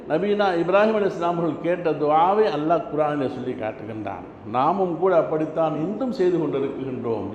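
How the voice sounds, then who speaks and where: A man preaching a Friday sermon in a large mosque hall, in a measured voice with rhythmic lists of phrases. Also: high-pitched, darkish tone. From Tamil Nadu, India. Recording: echoey mosque hall, muffled lo-fi with faint hum.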